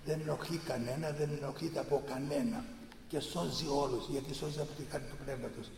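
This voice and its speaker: A man's voice: mid-range voice, steady tone, gravelly, a little mellow, slight background noise. A man giving a fervent public lecture, speaking emphatically and piling up repeated phrases. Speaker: speaker giving a talk on church tradition. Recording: echoey hall from far off.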